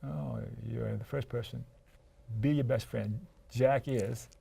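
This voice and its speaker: Gravelly older male interview host. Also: mid-range voice, fairly even intonation, slow pace, mellow. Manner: chatty, joking asides. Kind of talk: casual interview questions.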